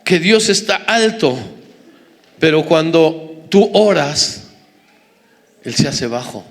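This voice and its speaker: High-voiced pastor preaching. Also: male voice, lively intonation, takes it slowly, gravelly. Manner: emphatic, repetitive, joking asides to the congregation. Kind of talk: sermon. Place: church hall with congregation. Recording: reverberant church hall.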